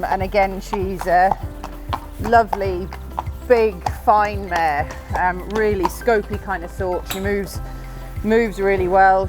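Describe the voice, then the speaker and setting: In a filmed interview, a middle-aged event horse rider who grew up in Scotland talks in a relaxed, thoughtful way, with many pauses and fillers. Her voice is medium in pitch, and faint music plays in the background.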